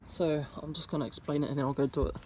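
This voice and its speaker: A woman's voice: sits low, fairly even intonation, quick pace, noisy background. Young New woman. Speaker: vlogger. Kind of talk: casual vlog talk to camera. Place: indoors, speaking to camera.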